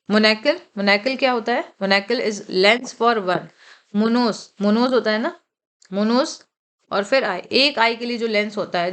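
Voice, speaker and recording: A woman's voice: on the high side, fairly bright tone. Woman teaching vocabulary, spelling out words. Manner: explains slowly, spells words letter by letter, often asks "ठीक है?"; mixes Hindi with slow, careful English phrases. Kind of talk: exam-prep vocabulary lesson.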